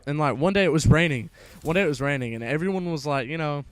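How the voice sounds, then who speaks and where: Telling a rambling school story full of profanity as he games, a young man in his late teens talks fast and expressively in a slightly high voice. His manner is casual, and he keeps restarting his thoughts.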